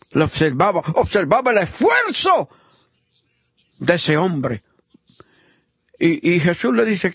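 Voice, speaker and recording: In a fervent sermon, a preacher alternates between booming, high-pitched urging and quiet, murmured praise while voicing the characters of his story. The recording is dry, and his voice slightly rough.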